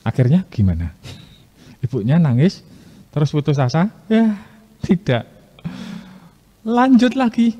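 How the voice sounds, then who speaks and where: A man telling a Bible story to children, lively and asking the listeners questions. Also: fairly high pitch, unhurried, long pauses. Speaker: Sunday school teacher. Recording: muffled echoey hall.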